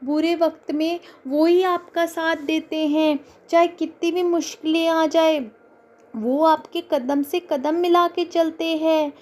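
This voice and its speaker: A woman's voice: very high voice, level tone, slow pace, darkish tone. A woman voicing a caring elderly grandmother in a cartoon story, speaking tenderly and consolingly.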